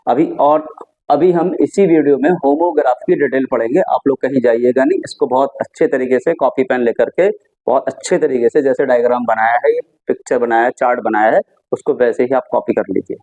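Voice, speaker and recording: A man's voice: mid-range voice, fairly quick, darkish tone. A male teacher giving a lesson, explaining patiently with rhetorical questions and many examples. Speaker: English teacher. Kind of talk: classroom lesson explaining vocabulary. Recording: slightly dull lo-fi recording.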